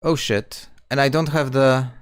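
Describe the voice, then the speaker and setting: A man's voice: mid-range voice, fairly even intonation, unhurried, clean tone, no echo, clean studio sound. A man casually commenting on his gameplay stream, chatting with viewers and often restarting words.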